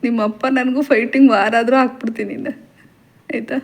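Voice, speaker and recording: A mother in her forties with a Kannada accent teases and bosses her daughter in a high, bright voice. She laughs easily and keeps the talk casual in a home kitchen at night. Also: steady tone, brisk, gravelly. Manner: teasing, bossy, laughing. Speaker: vlogger, mother. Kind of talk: casual family chat.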